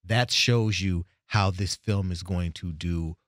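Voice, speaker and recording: A man's voice: low voice, takes it slowly, a bit bright, no room sound, studio quality. A man on a podcast panel, talking emphatically with many fillers and interjections. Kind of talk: casual podcast discussion.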